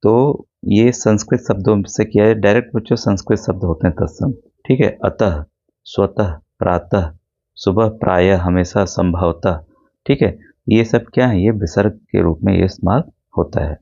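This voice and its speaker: A man's voice: lowish voice, normal speed, vocal fry, dark tone, highs cut off. A man teaching a Hindi grammar lesson to students preparing for an exam. He explains patiently and sounds out each letter.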